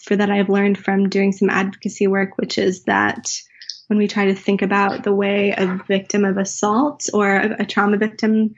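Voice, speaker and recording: With a completely flat delivery at a moderate pace, the mid-range-voiced American writer and teacher reflects on interview questions. She searches for her words with restarts and fillers; the recording is dull and lo-fi.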